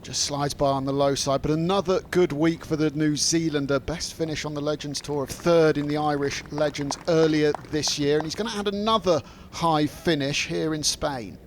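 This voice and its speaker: Higher-voiced male golf commentator. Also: steady tone, normal speed, hardly any pauses, slight background noise. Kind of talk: live play-by-play commentary.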